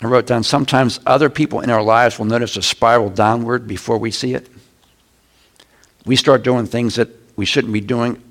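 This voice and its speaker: A middle-aged man, a pastor, preaching a conversational sermon with sudden loud shouts. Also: medium pitch, fairly even intonation, moderate pace.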